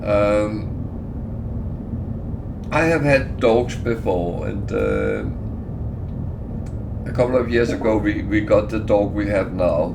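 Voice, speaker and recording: A middle-aged man chatting casually while gaming on a livestream, hesitant with many fillers and restarts. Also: fairly low pitch. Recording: clear background noise.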